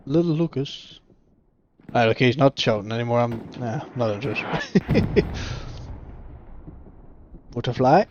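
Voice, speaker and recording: A man chats loosely through a live game stream, joking and swearing as he watches the action. His voice sits in a plain middle pitch and comes through a dull, muffled stream mix. Gunfire and explosions from the game play loudly over him. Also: a little slow, pauses often, a little hiss or hum. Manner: sweary, jokey, laughs often. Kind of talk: casual live game commentary. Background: gunfire, artillery and vehicles from the game.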